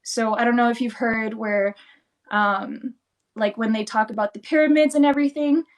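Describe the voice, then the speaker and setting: This woman, a Spanish-first-language guest on a livestream chat, talks rapidly and wanders as she explains, leaning heavily on "like." Her voice is fairly high and her tone remains even.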